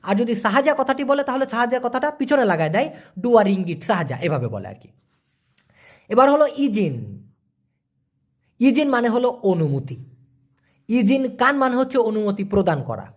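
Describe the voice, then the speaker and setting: A man teaching vocabulary, explaining patiently and repeating words slowly syllable by syllable. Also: extremely high pitch, big pitch swings. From Bangladesh. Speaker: language teacher. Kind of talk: vocabulary lesson.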